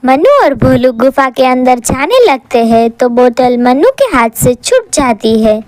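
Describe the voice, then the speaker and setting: Narrating a cartoon horror tale, a woman uses lively, scripted storytelling and a high voice full of wide pitch swings. She speaks a little slowly, recorded close and dry with no echo.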